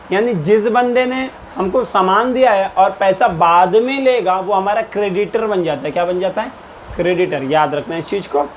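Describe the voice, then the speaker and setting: High-voiced teacher explaining accounts. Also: male voice, slight background noise. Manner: explains in Hindi mixed with English terms, repeats and quizzes. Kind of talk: recorded lecture.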